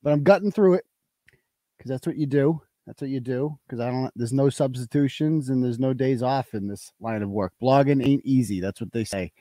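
A man's voice: medium pitch, moderate pace, dark tone, dry recording. A man hosting a casual livestream, talking in a blunt, slangy, rambling way with some swearing. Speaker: livestream host and blogger.

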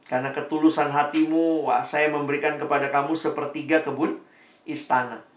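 A preacher acting out a kind, just king in a story told during a sermon, speaking slowly and gently. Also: medium pitch, level tone, close to an everyday voice. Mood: gracious. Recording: echoey room, voice far from mic.

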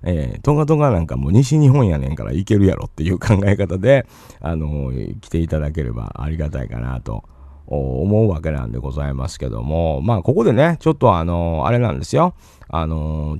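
A man's voice: deep voice, creaky, dark tone, dry recording, clean studio sound. A man with a Kansai accent hosting a podcast, rambling chattily on his own with lots of fillers and asides. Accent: Kansai Japanese. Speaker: podcast host. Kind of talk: casual solo podcast talk.

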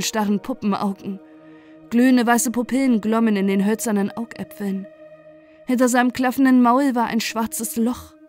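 A woman narrating a first-person horror audiobook in a measured, dramatic storytelling manner. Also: mid-range voice, darkish tone. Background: faint music.

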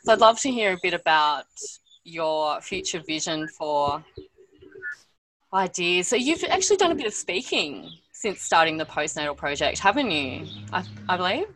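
A woman's voice: fairly low pitch, very animated, normal speed, a bit bright, dry recording, low-quality recording. A woman hosting a casual conversational interview, musing informally and thinking aloud as she goes. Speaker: interview host. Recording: faint background noise and clicks.

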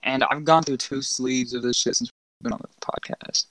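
A man chatting on a podcast, crude and quick to laugh, pausing to chew between lines. His voice sits at an ordinary pitch. The sound is dry and close, with no room in it. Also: steady tone, fairly bright tone, dry recording, low-quality recording. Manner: crude, joking, laughs a lot. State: eating while talking. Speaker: podcast co-host. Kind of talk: casual chat.

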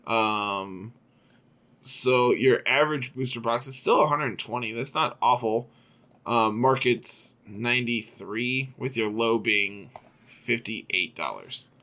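A man's voice: mid-range voice, slow, pushed and bright. A man co-hosting a casual podcast, chatting loosely about a card game, laughing easily. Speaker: podcast co-host.

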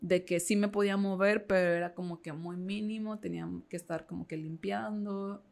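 Woman guest, gravelly voice, candid storytelling, lots of fillers. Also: mid-range voice, fairly even intonation, moderate pace, darkish tone. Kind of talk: casual interview chat.

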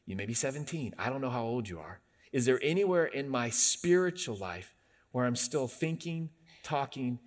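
A man in his late forties, a pastor delivering a conversational sermon that rises into emphatic bursts. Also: medium pitch. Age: 40s.

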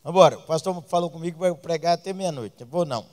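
Brazilian male pastor, high voice, comic sermon delivery with sudden loud bursts. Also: fast talker, in a large hall. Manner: humorous preaching with loud outbursts.

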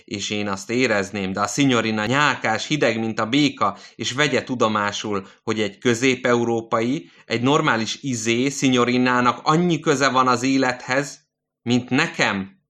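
A man voicing a raving old male hospital patient who shouts in a shrill, scornful voice. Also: natural voice.

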